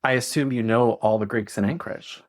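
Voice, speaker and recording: A man hosting an interview cuts in with short, curious questions. His voice has an ordinary middle pitch. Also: fairly quick. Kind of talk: conversational interview.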